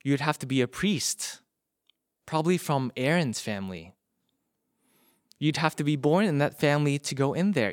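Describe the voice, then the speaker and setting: A man giving voice to a stern guard at the gate of an ancient Israelite camp, firm and explaining, his voice sometimes sinking low and hushed. The sound is close and dry, with no room around it. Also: no echo, natural voice. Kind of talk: preacher acting out an illustration.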